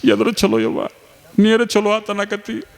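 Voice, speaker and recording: A man's voice: high-pitched, big pitch swings, moderate pace. A man doing a tearful village wife. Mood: lamenting. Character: tearful village wife whose husband stole her anklet.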